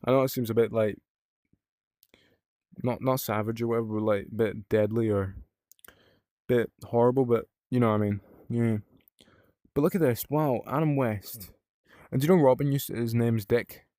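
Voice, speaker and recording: A man's voice: mid-range voice, moderate pace, pauses often, dark tone, dry recording, studio quality. A young British man from the UK chatting casually in a rambling vlog, swearing freely and using lots of fillers. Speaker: vlogger.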